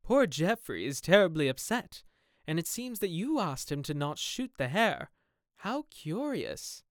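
A man's voice: a little high, big pitch swings, unhurried, no room sound, clean studio sound, pitched above the performer's own voice. A man voicing an aristocratic young duchess with an arch, teasing manner. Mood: animated, teasing.

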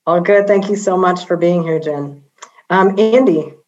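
A woman moderates an online panel with a fairly low voice. She speaks gently, with frequent "um"s as she frames her questions. The call audio is slightly dull. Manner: gentle, halting, many "um" fillers.

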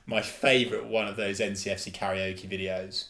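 A man's voice: lowish voice, fairly even intonation, normal speed, pushed and bright. A man co-hosting a casual football podcast, talking emphatically and with enthusiasm, often repeating himself. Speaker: podcast co-host.

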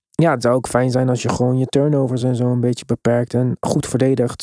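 This podcast host is a man covering sports, his voice relaxed, middle-pitched and a bit dark. He speaks casually yet emphatically, dropping English sports terms in as he goes. The audio is dry and close, with no room sound.

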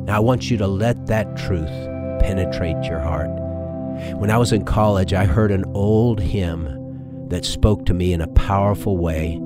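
Pastor guy preaching on a podcast, low voice, music going underneath. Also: unhurried. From Texas. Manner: earnest, conversational preaching with rhetorical questions. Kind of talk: podcast sermon. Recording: with background music.

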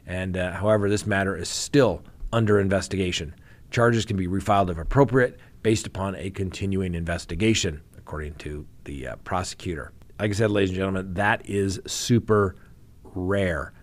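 A man with a slightly low voice hosts a crime news talk show. He reads out case details in a plain way, then breaks off with wry, animated jabs from his view as a criminal defense attorney. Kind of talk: casual commentary on crime news.

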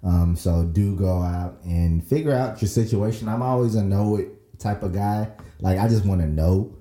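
Guy, low mellow voice, chatting easy with echo in the room. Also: normal speed. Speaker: co-host. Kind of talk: casual chat. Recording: roomy echo.

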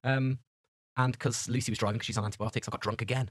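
A man's voice: medium pitch, steady tone, fast talker, no room sound, studio quality. A man, co-hosting a casual podcast chat, slangy and laughing often. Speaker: podcast co-host.

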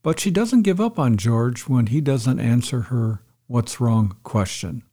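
A man giving a calm, reflective devotional talk as a pastor, retelling a story to make a point. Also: mid-range voice, measured pace, husky.

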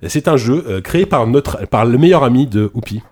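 A man's voice: mid-range voice, lively intonation, normal speed, darkish tone. A man hosting a video game podcast, rambling casually with many restarts. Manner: rambling, many restarts and fillers, laughs often. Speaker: podcast host.

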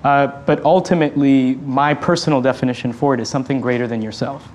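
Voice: mid-range voice, fairly even intonation, fast talker, a little mellow, a little hiss or hum. A panel speaker talking earnestly and persuasively, using rhetorical questions. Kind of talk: panel discussion.

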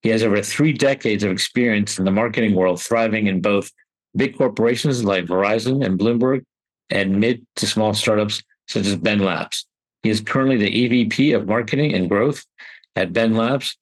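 Male podcast host, lowish husky voice, polite and measured, inviting questions. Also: poor audio. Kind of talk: interview hosting.

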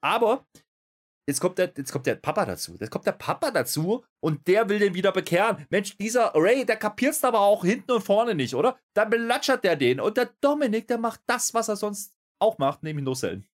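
A man co-hosting a casual wrestling recap, dry and joking, dropping low for asides. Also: very animated, brisk. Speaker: podcast co-host.

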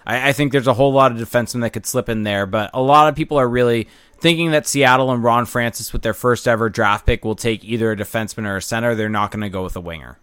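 A man's voice: medium pitch, quick pace, a bit bright, clear, resonant tone, no echo, studio quality. A man co-hosting a casual sports podcast, wondering aloud about what could happen. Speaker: podcast co-host.

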